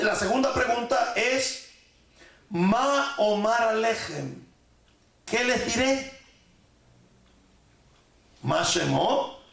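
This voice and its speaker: Guy preaching in an echoey hall, high gravelly voice, joking around and fixing how folks say stuff. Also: a bit bright. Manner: joking, corrects pronunciation with drawn-out repetition. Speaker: rabbi teaching a congregation. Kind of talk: sermon teaching.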